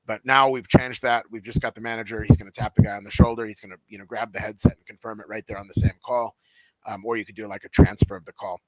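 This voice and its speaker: A man's voice: on the low side, fairly even intonation, fast talker, no room sound, poor audio. Man, telemarketing coach, casual rambling lesson, slightly tired, headache, dry close sound. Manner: loose and conversational, many fillers, addresses listeners as guys. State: mild headache, low energy. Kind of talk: casual spoken tutorial.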